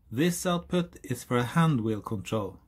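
A Norwegian man in his forties, a hobbyist YouTuber, explains a DIY project in English with a Norwegian accent, halting and correcting himself as he goes. His mid-range voice has a darkish tone and a breathy edge. This casual explainer starts outdoors on a hilltop, then moves indoors to a workbench.

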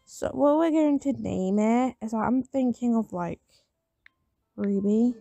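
A woman who has just woken up, with a slightly raspy morning voice, giving casual commentary while playing a game. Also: on the high side, slow pace, mellow, dry recording, muffled recording, faint music behind. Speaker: gamer narrating gameplay.

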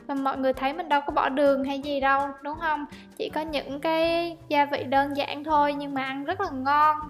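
High-voiced chatty woman. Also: little pitch movement, brisk. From Vietnam. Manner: chatty, friendly step-by-step explaining. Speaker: cooking vlogger. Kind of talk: casual cooking voice-over. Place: home kitchen. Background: soft background music.

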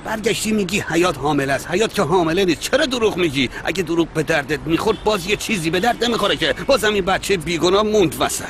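A man's voice: high-pitched, lively intonation, few pauses, noisy background. A man dubbing a guilty young man who mutters to himself about his lies. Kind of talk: Persian dub of a TV series.

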